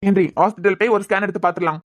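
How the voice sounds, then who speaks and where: A woman's voice: medium pitch, fairly even intonation, racing, lightly acted. A woman voicing a worried young husband in a cartoon who keeps pressing his wife to see a doctor. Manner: pressing, gently coaxing. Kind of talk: cartoon voice acting.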